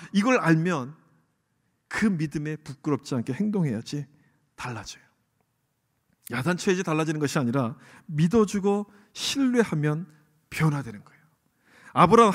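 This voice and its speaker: A middle-aged male pastor preaching a sermon in a church, asking the congregation questions and acting out the inner voices he quotes. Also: high-pitched. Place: church sanctuary. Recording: long hall reverb from a church.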